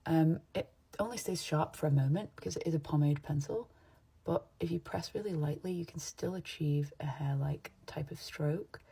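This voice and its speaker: A woman from England, her accent partly Americanized, talks through her morning makeup in a loose, rambling way. Her voice is very husky and gravelly, with a dark, mellow tone. It is recorded on a phone at home. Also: low-pitched, moderate pace. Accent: English, partly Americanized. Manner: chatty and digressive, drops to soft asides. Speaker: makeup vlogger. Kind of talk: rambling casual chat while doing makeup. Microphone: phone camera.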